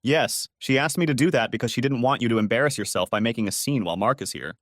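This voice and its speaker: A man voicing a calm, apologetic woman friend who pleads softly but firmly, in a told-aloud story. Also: medium pitch, fast talker, no echo, clean studio sound, natural voice. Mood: soothing. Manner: soothing, apologetic, insistent.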